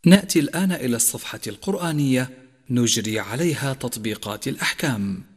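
A man gives a Quran recitation lesson in a steady, mid-pitched voice, explaining each rule step by step. He stretches the example words out in slow, melodic recitation. The recording carries a long reverberant tail. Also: slightly rough. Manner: recites verses slowly and melodically, explains rules in measured voice. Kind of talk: tajweed lesson.

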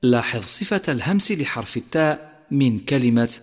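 A man's voice: medium pitch, expressive. Man teaching Quran recitation, hall reverb. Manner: slow drawn-out chanting of example words. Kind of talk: televised tajweed lesson.

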